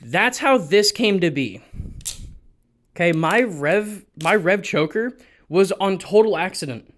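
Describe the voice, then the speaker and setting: A man's voice: sits high, lively intonation, unhurried, a bit bright, slight background noise. A young man giving casual, profane advice in a rambling vlog, with blunt asides. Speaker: balisong flipping vlogger.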